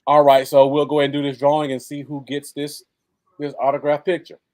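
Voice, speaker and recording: A man's voice: fairly high pitch, monotone, a little fast, a little mellow. An American man chatting casually as co-host of a live football fan show. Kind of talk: casual live sports chat.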